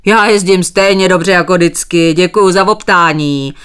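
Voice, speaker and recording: A woman's voice: lowish voice, fairly bright tone, clear, resonant tone, natural voice. A woman voicing a stubborn male sheep farmer who politely dodges every request with thanks. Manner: courteous, evasive, dodges with thanks.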